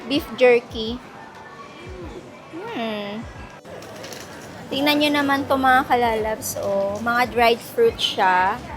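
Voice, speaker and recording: Loud background music plays over a Filipino woman's fairly high voice as she strolls through a shopping mall in a casual travel vlog. She speaks very slowly and pauses often, yet stays chatty and laughs frequently while blending Tagalog and English.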